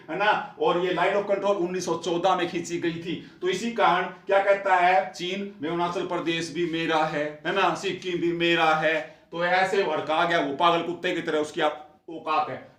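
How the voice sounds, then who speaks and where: A man's voice: high voice, fairly bright tone. A man teaching exam coaching as a blackboard lecture, emphatic and repeating key points. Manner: repetitive and emphatic. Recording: echoey room, mic at a distance.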